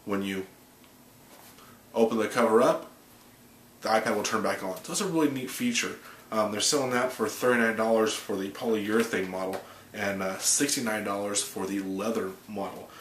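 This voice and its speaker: A man in his thirties with a stuffy cold hosts an upbeat, chatty tech news recap to a webcam in a small home office. His voice is lowish and his speed normal, and he reads from notes with restarts. The room is echoey with a faint hum.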